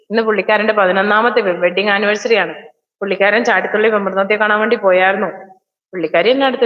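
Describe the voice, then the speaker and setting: A woman hosting a casual livestream, chatting and teasing as she reads viewer comments. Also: mid-range voice. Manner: chatty and teasing, quick bursts of speech. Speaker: singer and livestream host. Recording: echoey, reverberant room, slightly dull sound.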